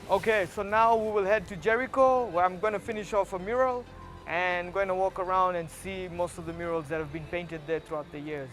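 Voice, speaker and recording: Soft music accompanies a Kenyan man whose high voice has a fairly bright tone and a fairly quick pace. He is a documentary street artist speaking casually and reflectively while being interviewed and walking along, leaning on repeated words for emphasis.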